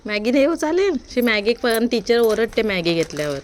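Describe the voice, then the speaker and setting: A woman's voice: a little high, sing-song, normal speed, heavy background noise. A young mother chatting casually at home with her little daughter, patient and playful, coaxing her along. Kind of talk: casual home chat with a small child.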